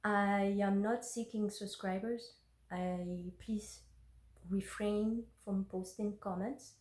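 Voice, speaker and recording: Recorded on a phone in a roomy space, this woman speaks in a steady, medium-pitched voice with a darkish tone and a slow pace. French is her first language; an intuitive energy worker, she hesitates with many ums and uhs in her vlog before reading from her journal.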